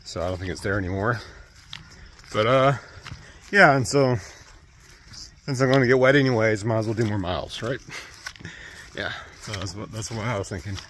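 On a wooded trail, a thru-hiking vlogger in his thirties chats at a moderate pace in a lowish, fairly bright voice, pausing often. He wanders through his thoughts and trails off with fillers, recorded on an earbud mic from a phone at arm's length with a little hiss or hum.

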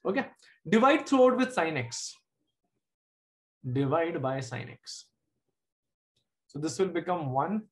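A man's voice: on the high side, sing-song, slow pace, pauses often. Casting: male maths teacher, middle-aged, Indian accent, informal live online class, frequent short check-in questions. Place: indoors at a desk, screen-share video class.

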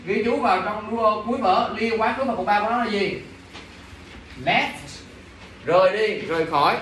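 A man's voice: high-pitched, moderate pace, a bit bright, a little hiss or hum. A young man teaching English vocabulary in class, drilling pronunciation and quizzing students with exasperated asides. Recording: echoey classroom from a distance.

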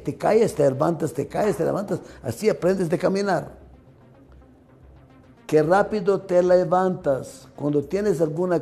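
An older male lecturer with a mellow, somewhat high voice, speaking emphatically and repeating key words, posing rhetorical questions to his listeners. His grammar slips slightly like a non-native speaker's. Faint music plays underneath. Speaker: management lecturer.

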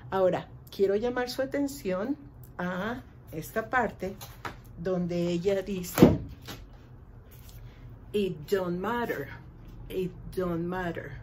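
A woman's voice: lowish voice, darkish tone, a little hiss or hum. A woman with a Mexican Spanish accent, teaching an English lesson and patiently translating song lyrics phrase by phrase.

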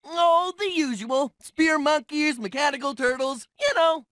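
A man's voice: extremely high pitch, a little slow, a bit bright, no room sound, studio quality. A man voicing a dim, cheerful young jungle man in a cartoon video game, naive and friendly. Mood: clueless. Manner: goofy, naive, refers to himself by name.

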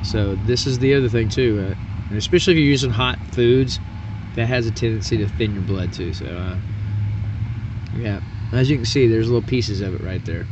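A man's voice: fairly low pitch, fairly quick. Folksy man talking while cooking outdoors. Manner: rambling, folksy, chatty. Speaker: cooking vlogger. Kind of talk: casual cooking demonstration. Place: outdoors at a camp stove at night. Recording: distant, dull camera audio with outdoor noise.

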